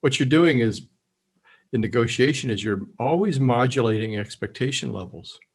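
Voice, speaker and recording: A middle-aged man from Canada, a guest in a casual interview, speaking calmly and telling stories. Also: mid-range voice, normal speed, husky. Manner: calm, even-keel storyteller who drops in quoted lines. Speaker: guest, negotiation expert.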